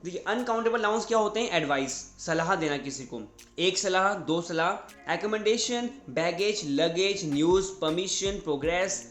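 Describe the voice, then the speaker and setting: A man's voice: sits high, animated, moderate pace, few pauses, a bit bright, echoey room, faint music behind. A man teaching English grammar in Hindi, explaining step by step and answering his own questions.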